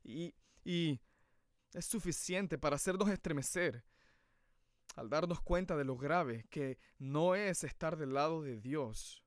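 A man's voice: on the high side, slow, no echo, clean studio sound. A man preaching a sermon in an earnest, emphatic way.

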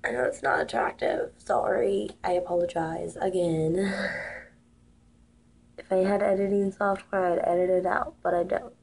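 A young woman in her twenties, a makeup vlogger with a cold, talks at normal speed in a fairly low, darkish voice with vocal fry and a breathy edge. She's chatty, casual and self-deprecating through the tutorial, recorded in a small room via a built-in webcam mic at arm's length.

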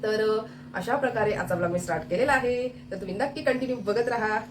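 A woman hosts a casual family vlog from her home kitchen, speaking straight to the people watching. She talks fast and keeps up a chatty run of words, filling the gaps with fillers as she goes. Her phone picks up a clear layer of household noise all around her. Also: a little high. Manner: chatty, addresses viewers directly, many fillers. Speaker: family vlogger. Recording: noisy home ambience.

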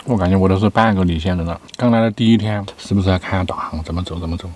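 Low-voiced man chatting as he eats. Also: racing, a little mellow, slight background noise. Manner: talking between bites while eating. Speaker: vlogger eating on camera. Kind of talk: casual mukbang chat. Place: inside a parked car.

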